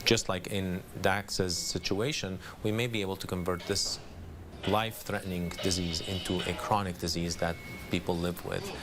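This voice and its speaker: A man's voice: deep voice, flat delivery, moderate pace, noisy background. A man speaking as a doctor, giving explanatory answers in an interview.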